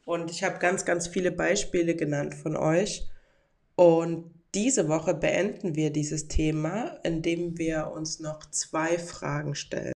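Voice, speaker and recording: A woman's voice: deep voice, steady tone, takes it slowly, darkish tone. A woman in her forties hosting a podcast, talking reflectively and reading out messages from listeners. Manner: reflective, reads follower messages aloud. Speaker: podcast host. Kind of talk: casual monologue.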